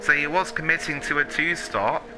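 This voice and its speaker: A man's voice: a little high, moderate pace. A man working as a motorsport commentator, calling a sim race live, play-by-play. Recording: clearly noisy, engine sound behind the voice. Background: racing car engines from the game.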